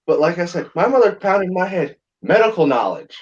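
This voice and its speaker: A man's voice: high voice, very animated, brisk. A man hosting a livestream, chatting in a rambling, blunt and crude joking way. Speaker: livestream host. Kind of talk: rambling casual chat. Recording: dull lo-fi sound.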